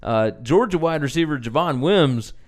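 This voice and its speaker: A man's voice: a little high, expressive, normal speed. A man co-hosting a podcast in casual sports chat, running through records, odds and team notes. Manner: runs through stats and team notes, lots of "uh" fillers. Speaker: podcast co-host.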